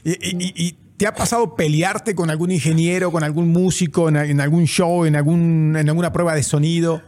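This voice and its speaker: A man's voice: fairly high pitch, steady tone, a little fast, a little mellow. A man interviewing a musician, mostly agreeing briefly and asking questions. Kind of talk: casual interview.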